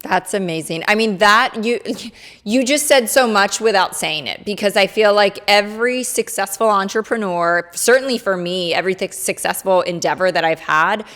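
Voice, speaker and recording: A woman's voice: medium pitch, a bit bright. A woman hosting a podcast interview, chatting enthusiastically and affirming her guest often. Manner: enthusiastic, effusive, quick to affirm. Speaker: podcast host. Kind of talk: casual interview chat.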